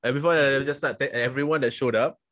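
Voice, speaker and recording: A man's voice: mid-range voice, fairly even intonation, racing, fairly bright tone, no echo. A man from Singapore hosting a podcast with friends, joking loosely and often restarting his sentences. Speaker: podcast host and comedian. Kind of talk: casual podcast banter.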